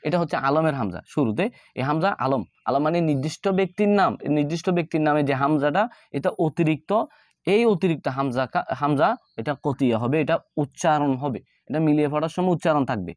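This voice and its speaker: A man teaching an Arabic grammar lesson, explaining step by step and repeating his points with frequent pauses. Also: a little high, darkish tone, no room sound, studio quality. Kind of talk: classroom-style grammar lesson.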